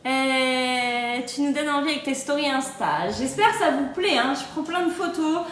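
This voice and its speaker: Cheerful and chatty, she laughs a lot while answering comments during a phone livestream recorded in an echoey holiday spot. She's a kitchen-appliance sales adviser whose high, fairly bright voice is expressive at a moderate pace, with a roomy sound.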